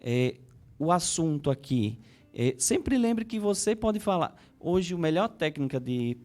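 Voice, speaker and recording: A male psychologist with a Brazilian Portuguese accent, talking through his points in an interview. His voice sits a bit higher than most men's, and he circles back on words while he thinks, sometimes voicing a worried inner dialogue. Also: very animated, a little slow, mellow. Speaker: psychologist guest. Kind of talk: conversational interview.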